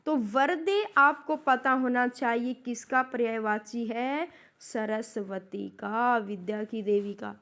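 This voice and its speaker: A woman teaching a class in a high voice. She speaks slowly and deliberately, pausing to pose rhetorical questions before answering them. Her pace is measured throughout the explanation. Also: fairly bright tone. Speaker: Hindi literature lecturer. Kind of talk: classroom lecture.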